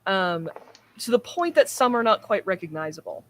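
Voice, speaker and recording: A woman acting as game master, describing scenes in an unhurried way with frequent pauses and ums. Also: medium pitch, sing-song, fairly bright tone. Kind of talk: narrating a tabletop game.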